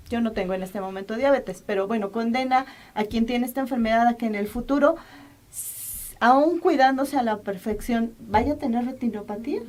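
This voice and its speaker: A woman's voice: a little high, a little mellow. A woman host with a Mexican accent, asking a doctor questions in a chatty way with many restarts. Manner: conversational, restarts and repeats while asking. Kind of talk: interview, health program.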